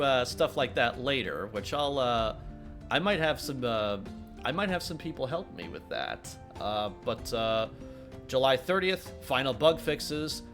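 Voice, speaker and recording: A man's voice: medium pitch, a bit bright. Rambling man streaming his game dev. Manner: rambling, full of filler sounds and restarts; jokey, reads chat questions aloud and answers them. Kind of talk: casual livestream chat. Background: faint background music.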